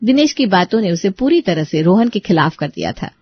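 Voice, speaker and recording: A woman narrating a family story in a steady scripted reading. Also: medium pitch, a little fast, no room sound, highs cut off.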